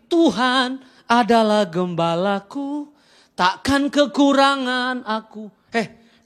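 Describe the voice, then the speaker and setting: Male pastor, sermon, high-pitched, dramatic swings from soft to shouting. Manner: animated preaching, swinging from hushed to shouting; colloquial Jakarta slang in acted asides.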